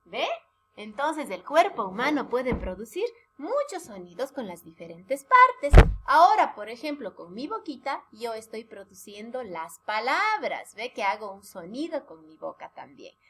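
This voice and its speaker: A woman teaching young children in a recorded lesson, talking in an animated, sing-song way and often checking that they follow along. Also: on the high side, measured pace, very noisy. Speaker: preschool teacher.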